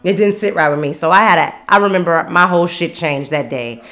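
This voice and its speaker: A woman's voice: on the low side, a little fast, fairly bright tone, faint music behind. A woman from the United States hosting a casual storytime monologue, frank and profane, laughing often and acting out quoted voices. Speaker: storyteller host.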